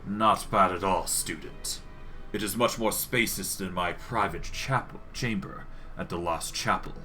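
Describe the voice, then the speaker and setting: Ancient undead king type, performed by a man: low, dry, pompous, contemptuous game villain, music underneath. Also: bright, forceful tone. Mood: dismissive. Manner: pompous, slow-burning disdain, formal diction. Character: proud, scornful old undead lich mentor. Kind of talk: acted reading of video game dialogue.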